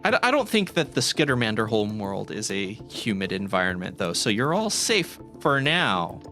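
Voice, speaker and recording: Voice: medium pitch, big pitch swings, normal speed, pushed and bright, soft background music. A podcast host and game master chatting casually and playfully with a tabletop group.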